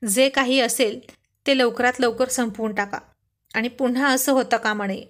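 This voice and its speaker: A woman's voice: a little high, fairly even intonation, moderate pace, close to an everyday voice. Woman voicing a stern scolding male boss. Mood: angry. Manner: sharp, scolding, raised voice. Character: stern angry male office boss, young husband.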